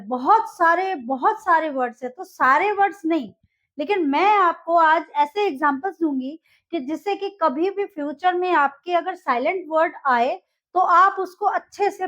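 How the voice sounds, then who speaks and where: A woman's voice: very high-pitched, a bit bright. A woman teacher explaining English pronunciation in a video lesson, mixing in English phrases and often checking in with "okay". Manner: repeats words and checks in with "ok" and "dekhiye"; mixes Hindi with English phrases. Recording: slightly dull lo-fi audio.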